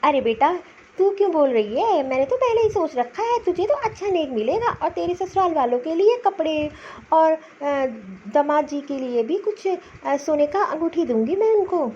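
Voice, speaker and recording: A woman's voice: high voice, expressive, normal speed, darkish tone, slight background noise. A woman voicing a lazy, dismissive older mother-in-law in a cartoon story, scolding and brushing off requests. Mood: cheerful. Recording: slightly dull lo-fi recording.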